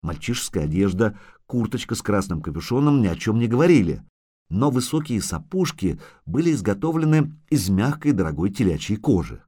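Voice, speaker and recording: A male audiobook narrator reads fantasy prose in a dramatic, expressive style. His pitch moves a lot from line to line. The recording is dry and close, with no room echo. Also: fairly quick, slightly rough. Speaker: audiobook reader.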